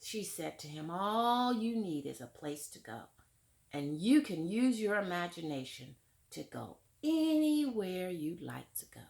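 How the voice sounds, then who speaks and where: In a children's read-aloud, a woman with a lowish, sing-song voice and some vocal fry reads a picture book a little slowly. Then, warm and teacherly, she discusses it with the kids and asks them questions.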